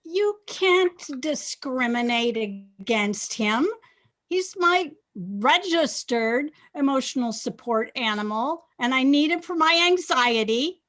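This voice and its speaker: An actress playing an indignant, cutting sister in a script reading. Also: female voice, high-pitched, expressive, takes it slowly, fairly bright tone, exaggerated voice. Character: whiny, self-pitying woman, sharp-tongued sister.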